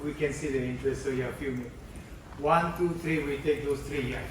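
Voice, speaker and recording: A man's voice: mid-range voice, steady tone, brisk, far from the mic. A man moderating a panel, informally inviting questions from the floor. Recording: echoey hall recorded from afar, noisy.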